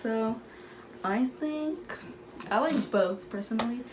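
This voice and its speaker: A young woman chatting casually with her sister on a vlog, soft-spoken and rambling. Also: fairly high pitch, slow pace. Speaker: co-host. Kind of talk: casual sibling chat. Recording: audible background noise.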